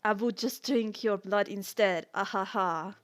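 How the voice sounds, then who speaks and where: A woman's voice: medium pitch, measured pace, a bit bright, natural voice. A woman voicing a campy B-movie vampire with a hammy, put-on Eastern European drawl. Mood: hammy menace.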